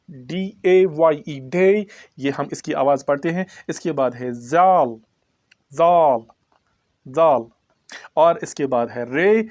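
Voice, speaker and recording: Higher-voiced man teaching letter sounds. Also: a little mellow. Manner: deliberate, repeats each letter sound and spells it out in English letters. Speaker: Urdu teacher. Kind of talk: explanatory language lesson.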